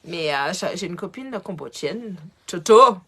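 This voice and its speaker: A woman's voice: lowish voice, expressive, unhurried, a bit bright, husky. Woman chatting on her phone live stream. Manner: switches between French and Malagasy, greets viewers by name; lots of restarts and repeated words. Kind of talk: casual live-stream chat. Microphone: phone on a social live stream.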